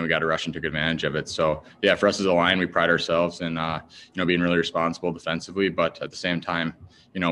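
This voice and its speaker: Young male athlete, deep voice, fast plain talk at a press mic. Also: pushed and bright, a little hiss or hum. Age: young adult. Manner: plain, filler-heavy answers. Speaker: hockey player. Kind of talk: post-game press conference answers. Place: team media room in front of a backdrop. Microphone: desk mic in front.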